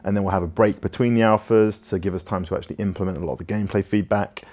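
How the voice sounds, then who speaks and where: A man's voice: lowish voice, fairly even intonation, rapid-fire, a little mellow. A man, a game developer, answering community questions in a casual chat, rambling through his explanations with lots of ums and you-knows.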